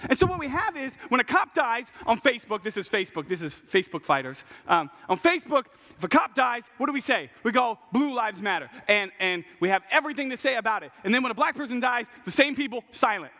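A young man preaching a passionate, animated sermon from a church pulpit, acting out what people say. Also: extremely high pitch, fairly quick. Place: large church stage at a pulpit. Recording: long reverb of a large hall.

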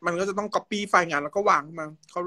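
A man's voice: high voice, sharp tone, no echo. A young man from Thailand chatting casually on a phone livestream, playfully demonstrating food as he talks. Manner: playful, drawn-out food demonstration with a running commentary. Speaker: livestream host.

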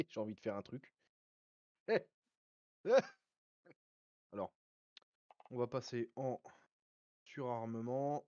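A man's voice: medium pitch, slow pace, long pauses, a little mellow, no room sound. Streamer guy on headset, half-muttered loadout commentary, dull sound. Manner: muttering menu picks aloud. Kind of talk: casual gaming commentary.

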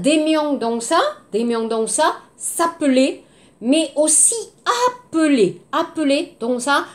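Woman, French teacher, high lively voice, unhurried drilling, patient repetition. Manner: patient, repeats words slowly, mixes in Korean. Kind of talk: language lesson, drilling words.

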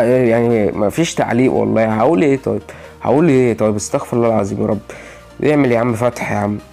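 A young Egyptian man talks at breakneck speed in gaming commentary, his voice sitting at an ordinary middle pitch. He sounds exasperated, repeating the same phrases over and over as he pleads with the game. Faint music plays behind him. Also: vocal fry, a little mellow. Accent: Egyptian Arabic. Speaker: gaming channel host. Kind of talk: gaming commentary while opening loot boxes.

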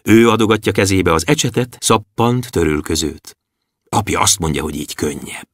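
A man narrating a children's audiobook in a lively, expressive storytelling manner. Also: sits low, no room sound, clean studio sound. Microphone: close studio mic.

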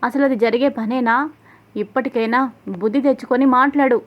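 A woman's voice: on the high side, fairly even intonation, fairly quick, dull audio, natural voice. A woman voicing a middle-aged wife who argues with her husband and sharply scolds her grown son. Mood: scolding.

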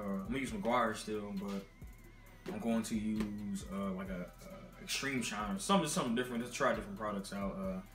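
In a dim apartment living room, a young Texan man with a fairly low, slightly bright voice casually meanders through a car care product rundown, leaning heavily on fillers. His laptop's built-in mic captures a roomy sound.

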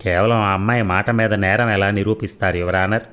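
A man's voice: fairly low pitch, fairly even intonation, brisk, a bit bright, close to an everyday voice. A man voicing a confident defense lawyer in a courtroom story, arguing emphatically.

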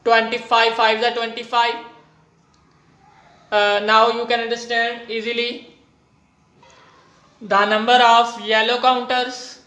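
A maths teacher with a Pakistani accent giving a whiteboard lesson in halting, piecemeal phrases, voice of unclear sex. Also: mid-range voice, flat delivery, pushed and bright. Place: indoors at a whiteboard. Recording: echoey room.

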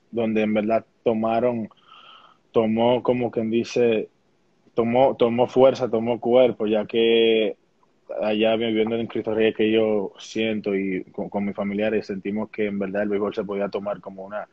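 Speaking in a lowish voice, this young man from the Dominican Republic talks calmly and deliberately as a baseball player being interviewed, frequently starting his sentences over, with a Dominican Spanish accent. The conversation is relaxed and comes through a laptop webcam on a video call. He sits in a small room indoors at home, and the sound is dull lo-fi.

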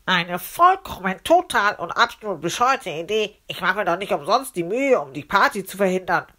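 A woman's voice: on the low side, lively intonation, brisk, husky, pitched above the performer's own voice. A woman reading aloud and voicing a rude, bossy ghost boy who scolds and huffs. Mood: scolding. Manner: scolding, huffy.

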